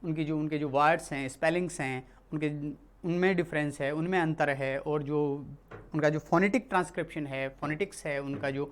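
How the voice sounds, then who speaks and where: Teacher from India, mid-pitched, talks through a lesson patiently, restating and correcting as they go. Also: a little fast. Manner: explains patiently, repeats and corrects itself often. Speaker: English teacher. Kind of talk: classroom lesson explained in Hindi.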